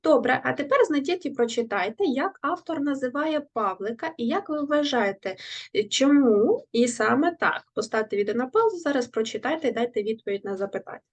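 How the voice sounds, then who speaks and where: A woman teaching a recorded lesson to young children, speaking clearly and patiently, asking questions and praising her pupils. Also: high voice, expressive, a little fast. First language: Ukrainian. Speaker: primary school teacher.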